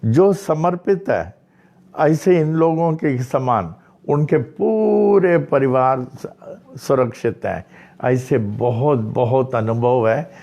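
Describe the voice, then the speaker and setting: A man giving a devotional sermon as a spiritual teacher, telling stories slowly with repeated phrases and quoted dialogue. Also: mid-range voice, animated, creaky, mellow. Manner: slow, repetitive storytelling with quoted dialogue.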